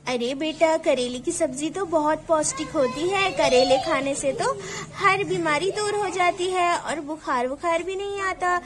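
A woman's voice: very high voice, a little slow. A woman voicing a cheerful village mother in a cartoon doll story, coaxing and sing-song as she talks to children and a baby.

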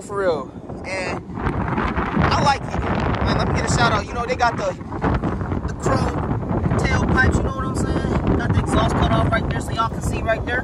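An extremely high-pitched man, a car vlogger, walks around a parked car outdoors with his phone in hand, chatting to viewers in a loose, slangy, profane way. Wind rumbles across the microphone.

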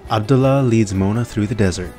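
A man reading scripted audio description in a plain, measured, matter-of-fact way. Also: lowish voice, dark tone. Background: music.

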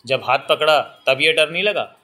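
Male reader doing a lovestruck young devadasi woman, teasing and pleading, bright tone. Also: a little high, normal speed. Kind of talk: audiobook reading.

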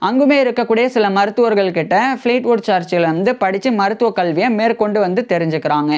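A man's voice: high-pitched, clean tone. A young man presenting a history lesson in a casual, explanatory way, repeating each point and glossing technical terms in simpler words. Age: young adult. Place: indoor studio with green-screen news backdrop. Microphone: lapel mic.

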